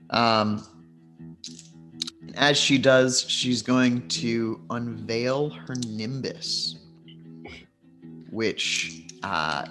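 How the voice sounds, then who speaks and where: Slow-paced man narrating a game. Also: medium pitch. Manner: measured, relaxed narration with fillers. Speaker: game master.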